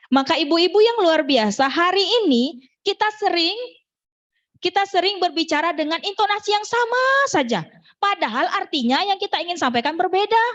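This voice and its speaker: High-voiced woman teaching public speaking. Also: dull audio. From North Sumatra, Batak. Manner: demonstrates intonation, asks audience questions. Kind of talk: lively workshop talk to a women's group.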